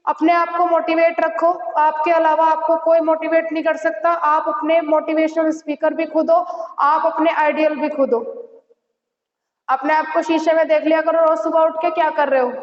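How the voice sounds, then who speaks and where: A woman teaching a Hindi exam-prep lesson who mixes in English phrases, keeps asking "right?" and "theek hai", and gives students direct advice. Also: sits high. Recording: echoey, dull lo-fi room sound.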